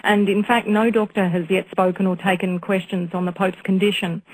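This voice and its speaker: A female foreign correspondent reports live to a radio news presenter, at an ordinary middle pitch for a woman. She speaks off the cuff, with some hesitant pauses as she lays out the facts. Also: little pitch movement, low-quality recording. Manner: reporting live with fillers and restarts.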